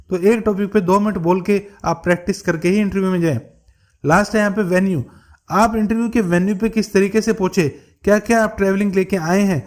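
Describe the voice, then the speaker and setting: A man explaining interview tips as a tutor, steadily addressing viewers as friends. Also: sits high. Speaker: English tutor. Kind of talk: explanatory lesson for learners.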